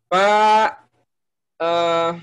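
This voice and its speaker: Guy teaching arabic, pretty high voice, patient, quizzes students by name. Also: steady tone, extremely slow, fairly bright tone, smooth. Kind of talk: online class, teaching Arabic phrases.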